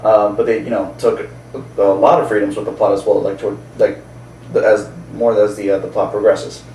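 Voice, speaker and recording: Speaking at a moderate pace in a steady, fairly low, darkish voice, this man co-hosts a relaxed podcast conversation. He wanders a little and gropes for words while laying out his view, picked up by a far-off mic in a roomy space with noise behind him.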